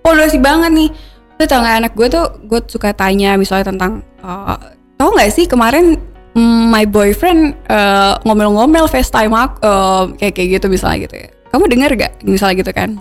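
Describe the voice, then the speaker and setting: A woman, a podcast guest telling her own story candidly, animated, often laughing and slipping English words into her talk. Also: on the high side, normal speed, faint music behind.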